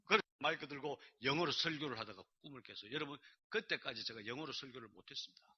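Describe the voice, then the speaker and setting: A man's voice: medium pitch, quick pace, slightly rough. A male pastor giving a sermon, telling a story and acting out the dialogue himself. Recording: dull lo-fi sermon recording.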